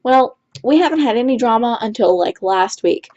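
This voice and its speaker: Chatting while she plays, this teenage girl, a gaming YouTuber, tells a storytime tale at a normal speed. Her fairly high, expressive, slightly mellow voice wanders through fillers and frequent restarts with "like" and "right?", all captured on a dull lo-fi home mic.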